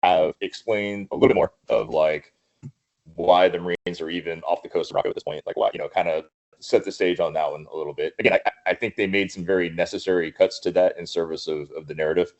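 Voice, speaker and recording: A man's voice: deep voice, fast talker, a little mellow. A man talking in a casual podcast film review, thoughtful and hedging, with many restarts. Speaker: podcast guest, Marine veteran.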